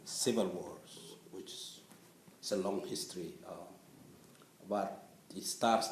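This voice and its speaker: A man with a fairly low voice speaks slowly and haltingly, pausing often to find his words. He is recorded in an echoey room with faint background noise. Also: a little mellow. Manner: slow, halting, searching for words. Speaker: interviewee, former refugee. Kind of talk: personal account.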